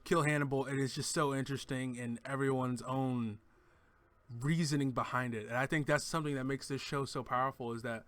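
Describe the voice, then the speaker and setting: A man's voice: mid-range voice, steady tone, a little fast, a bit bright, dry recording. A man giving a casual, enthusiastic spoken review of a TV episode, rambling and often restarting his sentences. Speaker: TV show reviewer.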